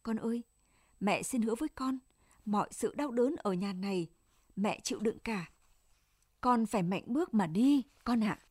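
Woman reading a restrained, pleading mother; fairly high, dry sound. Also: animated, moderate pace, long pauses, a little mellow, husky, no echo. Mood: tender pleading. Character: anguished middle-aged mother, hushed and stern.

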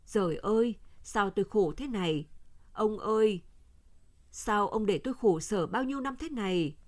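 A woman's voice: medium pitch, expressive, moderate pace, close to an everyday voice. A woman reading as an old woman wailing for her husband. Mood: lamenting. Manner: loud lamenting cry.

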